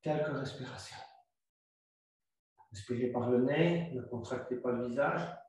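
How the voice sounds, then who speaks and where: Calmly leading a yoga flow session, a man with a medium-pitched voice gives instructions and repeats cues at a slow pace. His voice sounds distant in a heavily echoing room.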